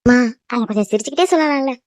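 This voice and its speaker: In this cartoon voice work, a woman portrays a young bride who is a devoted daughter, chatty, teasing, and reassuring toward her mother. Her high-pitched voice has a darkish tone, moves very fast, and stays close to an everyday voice. The recording is dry and studio quality.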